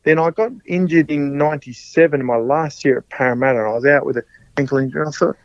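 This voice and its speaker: A man's voice: a little high, fast, no room sound. A man in his fifties with an Australian accent, a podcast guest telling stories casually, rambling and often repeating and restarting his words. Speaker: podcast guest, former rugby league player. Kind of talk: casual storytelling. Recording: dull, dry sound.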